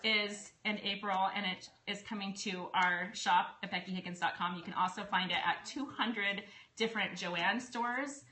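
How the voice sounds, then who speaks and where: A woman with a medium-pitched, steady, pushed and bright voice hosts a casual live product stream, answering viewer questions in a chatty, bubbly way and laughing easily. She is a native English speaker. The room is echoey, with faint noise in the background.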